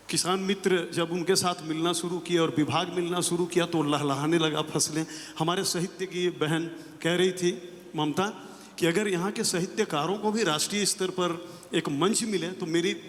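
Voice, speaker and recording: A man with a slightly raised pitch gives a formal, respectful speech and quotes a poem. His voice echoes in a large hall. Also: fairly bright tone. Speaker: writer and event organizer. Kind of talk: formal speech at a literary session. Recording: hall reverb.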